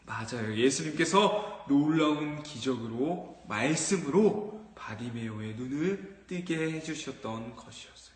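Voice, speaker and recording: A man teaching children, telling a story in an animated sermon and often asking the children questions. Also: medium pitch, unhurried, hardly any pauses. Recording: echoey hall with long reverb.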